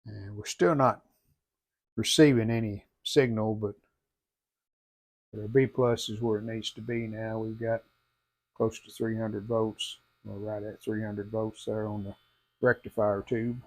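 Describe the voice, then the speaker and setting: A middle-aged hobbyist repair vlogger talks through a how-to at the workbench of his indoor home workshop, unscripted, plain, folksy and matter-of-fact. His voice sits on the low side with little pitch movement, and he keeps a measured pace broken by long pauses.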